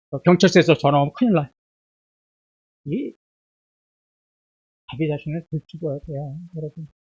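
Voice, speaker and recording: In a church sanctuary, a pastor with a bad cold and fever preaches his Sunday sermon, firing off rhetorical questions that swell loud and then sink to a hush. His voice is fairly high and slightly rough, and the recording sounds muffled.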